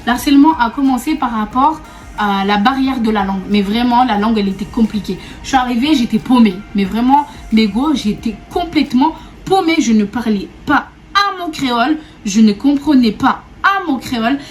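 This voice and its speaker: A woman's voice: on the high side, expressive, normal speed. A young woman who grew up in Réunion, chatting casually to her viewers in a storytime vlog. She repeats herself, laughs often and keeps calling her audience "mes go". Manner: chatty and repetitive, often laughing, calls viewers 'mes go'. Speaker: vlogger. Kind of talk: casual storytime chat to camera.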